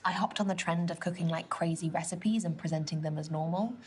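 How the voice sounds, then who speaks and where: A young British woman acting a playful, teasing date in a video game, with quick whispered asides. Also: on the low side, a little mellow, slight background noise, close to an everyday voice.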